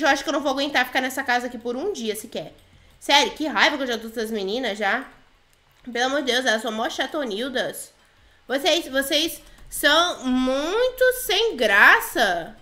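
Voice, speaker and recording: A woman's voice: high-pitched, bright, forceful tone. A young woman with a Brazilian accent chatting playfully as she narrates a role-play game for her viewers. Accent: Brazilian Portuguese. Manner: chatty and playful, reads out chat lines in mock voices. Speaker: gaming YouTuber.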